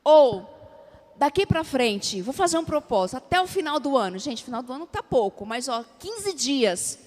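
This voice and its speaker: A woman's voice: sits high, a little slow. A woman with a Brazilian Portuguese accent preaching a sermon, drawing the congregation into call-and-response and acting out everyday dialogue. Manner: lively, acts out everyday dialogue. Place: church sanctuary. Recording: long church hall reverb.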